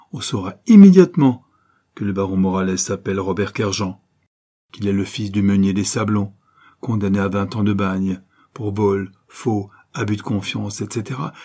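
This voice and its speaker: A man's voice: lowish voice, husky. A man voicing a cold, scheming female adventuress who threatens her lover with icy menace in an audiobook reading. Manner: icy, threatening, rising to shouts.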